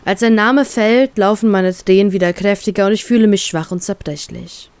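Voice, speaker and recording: A woman's voice: mid-range voice, moderate pace, a little mellow, smooth, no echo. A woman reading a fan fiction story aloud in the first person, acting out the heroine's lines expressively.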